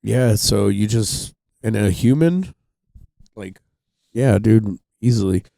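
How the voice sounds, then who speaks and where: A man's voice: on the low side, animated, slow pace, vocal fry, dark tone, dry recording, clean studio sound. A man telling a rambling, profane story on a casual podcast, full of fillers. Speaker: podcast host.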